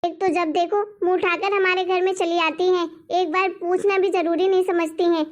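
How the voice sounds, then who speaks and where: A woman voicing a defiant young wife who scolds her husband loudly and rudely, scorning her mother-in-law, in a cartoon story. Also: extremely high pitch, little pitch movement, moderate pace. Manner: loud, scolding, rude. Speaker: daughter-in-law.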